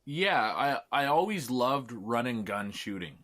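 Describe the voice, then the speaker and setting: A man's voice: medium pitch, sing-song, unhurried, a bit bright. A man from Canada, a filmmaker being interviewed, talking in an easygoing way that often trails off. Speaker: filmmaker guest. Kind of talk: casual interview chat.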